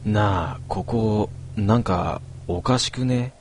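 A man's voice: lowish voice, slow pace, background noise. A man playing a nervous young man with a strong sixth sense, hesitant and uneasy.

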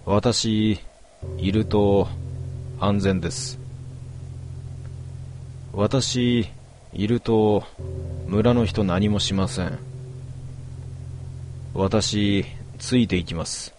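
A man voicing an eerie old woman ghost who speaks in halting, broken polite phrases. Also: on the low side, steady tone, a little mellow, a little hiss or hum. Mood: eerie, insistent.

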